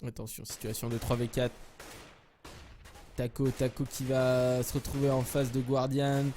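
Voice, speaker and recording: A man casting a live esports match alone, rambling and joking between plays, with quick bursts of excitement at big moments. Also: medium pitch, slight background noise. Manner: jokey, rambling, self-mocking asides. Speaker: esports caster. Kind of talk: solo live game commentary.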